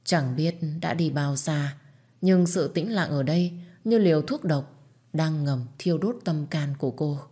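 A woman narrates a story with a low-pitched voice. Her reading is measured and somber, steady from line to line. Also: breathy edge. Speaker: audiobook narrator.

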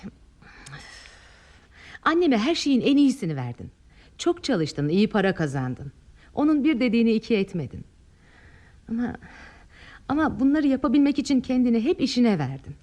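An actress playing an anguished, defiant adult daughter in old radio theatre style, earnest and formally articulated. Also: female voice, a little high, very animated, moderate pace, pauses often, a little mellow. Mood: reproachful. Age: late 30s.

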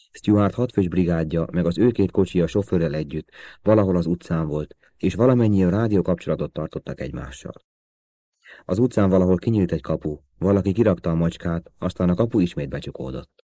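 Man, audiobook narration, steady pacing, deep dark voice, dry studio sound. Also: dry recording. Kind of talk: scripted narration.

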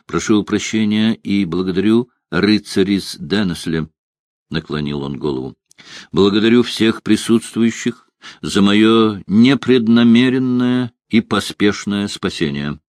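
A man voicing a proud, weary witcher who speaks with measured, icy sarcasm. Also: on the low side, darkish tone, no room sound, clean studio sound, close to an everyday voice.

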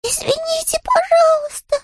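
Paddington, a woman doing a squeaky little bear cub. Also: steady tone, moderate pace, dry recording, studio quality. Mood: apologetic. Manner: polite, patient and earnest. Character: small polite earnest male bear cub.

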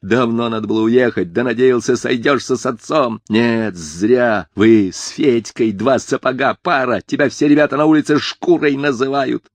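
A man's voice: low voice, darkish tone, no room sound. Man doing a coarse bitter young prisoner. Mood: raging. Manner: coarse, curt, drawn-out. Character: sullen rough young male prisoner, bitter and blunt.

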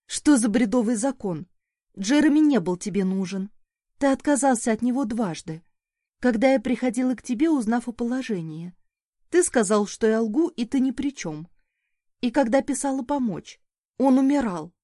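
A woman's voice: fairly high pitch, lively intonation, normal speed, mellow, no echo, studio quality. A woman reading an audiobook, voicing a young mother who answers sharply and defiantly in a raised voice. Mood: anguished, defiant.

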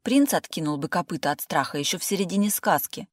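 A reader voicing a nervous young woman stuck behind her door, anxious and quick to snap back. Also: fairly low pitch, lively intonation, dry recording, studio quality. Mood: irritated. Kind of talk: audiobook character voice.

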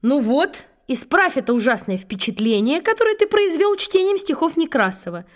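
A woman voicing a stern, impatient middle-aged schoolteacher who speaks low and strictly to a pupil. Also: sing-song, moderate pace. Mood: scolding. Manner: strict, lower and quieter than the narration.

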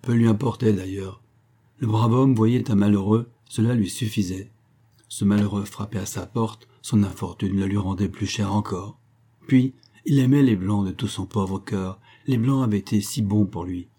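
A man narrating a classic novel in a measured, even storytelling delivery. His voice is low and dark, with a husky grain running through it. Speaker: audiobook narrator.

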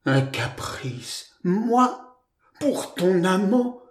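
Storybook role: man doing a weepy, wide-eyed young woman, high and pleading. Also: wildly swooping pitch, unhurried, echoey room, exaggerated voice. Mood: tearful pleading. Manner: pleading, rising high exclamations. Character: tearful, naive young woman, wounded friend.

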